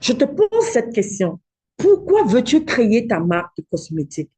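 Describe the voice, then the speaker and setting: A woman leads a live online workshop, speaking directly and pressing her listeners with rhetorical questions. Her voice sits fairly high, with a mellow, slightly husky tone. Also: wildly swooping pitch, moderate pace. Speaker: cosmetics business coach hosting a live challenge.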